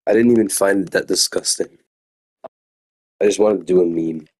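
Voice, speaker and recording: A man in casual chat who teases and jokes in a deadpan way. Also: low voice, moderate pace, slightly rough, dry recording. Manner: jokey, deadpan teasing.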